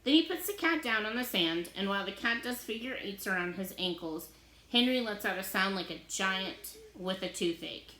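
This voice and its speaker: A teacher reading a novel aloud to her listeners, giving the story plenty of expression. Her voice is bright and clear, and the room around her echoes noticeably. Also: mid-range voice, animated, moderate pace. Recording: roomy echo.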